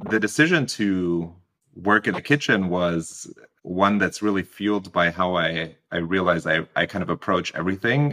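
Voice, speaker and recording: Deep-voiced German-accented man. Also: sharp tone. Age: 30s. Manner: reflective, with frequent restarts. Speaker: guest. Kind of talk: casual interview talk.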